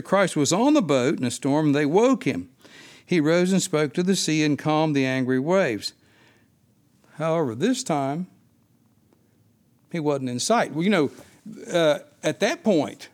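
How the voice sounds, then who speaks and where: Higher-voiced man teaching Bible study. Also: animated, a little slow, pauses often. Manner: unscripted, with restarts and rhetorical questions. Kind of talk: sermon-style Bible teaching.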